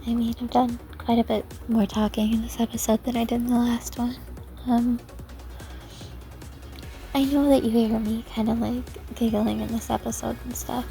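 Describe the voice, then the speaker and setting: Woman podcaster, fairly high flat voice, soft hesitant reflective talk. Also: creaky, soft background music. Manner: hesitant, soft-spoken, many pauses and restarts. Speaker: podcast host.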